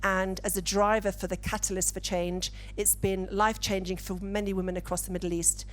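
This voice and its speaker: Flat-toned woman on a panel. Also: medium pitch, a little fast. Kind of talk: panel discussion. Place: conference stage. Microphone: handheld mic.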